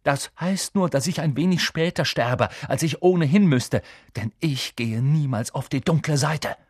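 A man reading aloud, voicing a determined young schoolboy in a hushed, earnest way. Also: on the low side, moderate pace, husky, dry recording, studio quality. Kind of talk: audiobook character voice.

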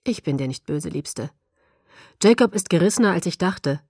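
A woman reading an audiobook, voicing a calm, tender young male vampire lover in a soft, low, gentle voice. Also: normal speed, slightly rough, no echo, studio quality.

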